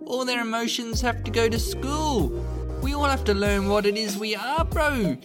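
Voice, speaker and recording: A woman's voice: a little high, lively intonation, unhurried. A woman voicing an overeager young emotion who talks in a sing-song way and calls everyone bro. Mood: chatty. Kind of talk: comedic audio drama. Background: music.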